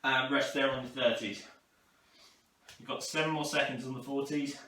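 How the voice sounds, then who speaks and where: A man's voice: mid-range voice, steady tone, moderate pace. A man coaching a workout to camera as an instructor, encouraging people and talking them through it. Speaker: fitness instructor. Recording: roomy, distant mic, faint noise.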